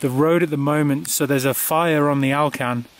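A tired young man, a touring cyclist, chatting casually to his camera outdoors by a highway and laughing often. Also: steady tone, moderate pace. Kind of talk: casual video diary.

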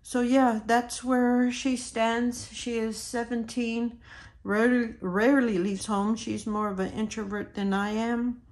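A hoarse woman talking quietly, almost in a whisper, as she sorts stickers and decorates her planner, chatting casually as she goes. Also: a little high, little pitch movement, measured pace. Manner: quiet, near-whispered, talks while sorting stickers. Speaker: planner vlogger. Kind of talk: soft-spoken planner decorating chat.

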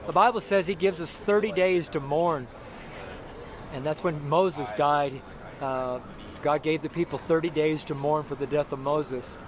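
A middle-aged street preacher gives an informal sermon to the camera outside by a brick wall on a city sidewalk, his fairly high voice steady and a little slow. He rambles, repeats himself, and restarts often with fillers. The handheld camera is close, and the recording picks up crowd noise and traffic.

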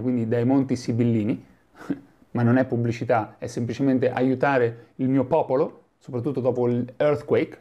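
A man from Italy giving a lively video lesson as an English teacher, demonstrating sounds and chuckling often. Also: mid-range voice, muffled recording.

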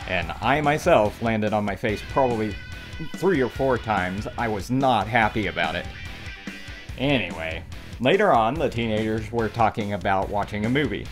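Middle-aged guy hosting a game show, campy horror host touches, guitar music playing behind. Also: fairly low pitch. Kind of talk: casual scripted presenting to camera with horror-host flourishes. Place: small dark indoor room.

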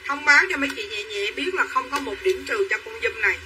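Slightly high-voiced and fast-talking, this woman runs a livestream clothing sale in repetitive hard-sell chatter, addressing buyers by name. She's recorded from a distance, a bit off-mic, with faint room noise.

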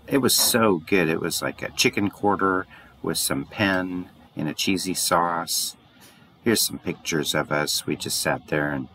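Man in his 50s, travel vlogger, low voice, relaxed and chatty, phone at arm's length, noisy outdoor audio. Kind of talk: casual vlog narration. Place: outdoor beachfront restaurant at night.

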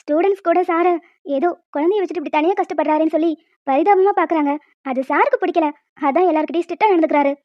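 A woman voicing a chatty, nosy college staffer in a cartoon, gossipy and cheeky, lower than her other voices. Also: fast talker, no room sound. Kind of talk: cartoon voice dubbing. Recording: dull dry lo-fi sound.

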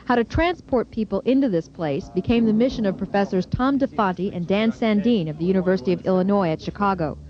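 A woman reporter delivers a scripted news voice-over in a measured, clear way. Her pitch sits in the middle. The sound is dull and muffled, like an early-90s broadcast tape. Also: soft background music.

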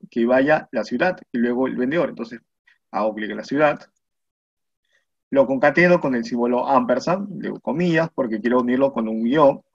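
A man's voice: mid-range voice, slightly rough. A man with a Peruvian Spanish accent teaching a spreadsheet class as a screen tutorial, patiently talking through each step and often checking in with his viewers. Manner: patient step-by-step explaining, asks "¿no?" and "mira" often. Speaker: spreadsheet instructor. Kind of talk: screen-recorded software tutorial. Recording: muffled lo-fi voice recording.

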